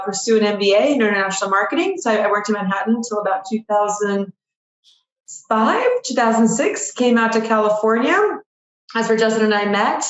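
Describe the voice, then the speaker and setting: Russian-born lady in her 40s chatting about her career, roomy and a bit muffled. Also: a little high. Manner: chatty, self-deprecating storyteller. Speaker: guest, PR agency owner. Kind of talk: casual interview talk.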